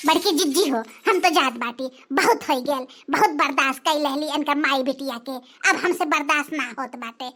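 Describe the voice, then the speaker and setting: A performer voicing an angry young daughter-in-law with an Awadhi accent, ranting bitterly in a cartoon. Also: female voice, high-pitched, normal speed, few pauses, fairly bright tone, voice pushed down. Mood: bitter, fed up. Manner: bitter, complaining rant. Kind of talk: cartoon voice acting.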